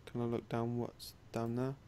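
A man's voice: medium pitch, completely flat delivery, moderate pace, a crowd in the background. A man playing a tabletop game who states his moves in a blunt, decisive, casual way. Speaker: player.

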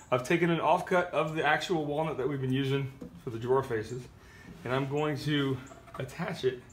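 A man in his thirties, the host of a woodworking channel, casually explaining a build in his home workshop. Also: fairly high pitch. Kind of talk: tutorial voice-over and talk to camera. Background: background music.

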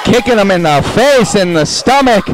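A man's voice: sits high, expressive, normal speed, noisy background. A man doing play-by-play commentary at a wrestling show, with dry, teasing banter.

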